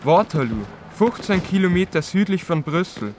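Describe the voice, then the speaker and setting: A man's voice: high voice, very animated, moderate pace, noisy background. A man playing a grumpy, proud old king who grumbles pompously about the young in an educational audio drama. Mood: triumphant, scornful.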